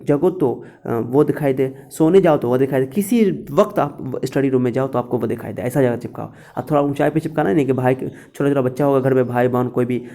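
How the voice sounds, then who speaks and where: Man, teacher, gravelly, dark voice, repetitive, casual lecture. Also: medium pitch. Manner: repetitive, instructive, speaks directly to students.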